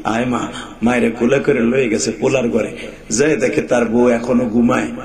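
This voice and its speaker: A man preaching an Islamic sermon to a large outdoor crowd, in a sing-song chant that climbs into shouting. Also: mid-range voice, steady tone, brisk. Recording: echoey outdoor sound system.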